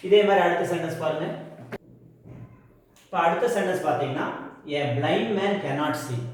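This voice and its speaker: A man teaching grammar in a classroom lesson. He explains in Tamil, asks and answers his own questions, and reads English example sentences slowly, word by word. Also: on the high side, a little mellow. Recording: very echoey room.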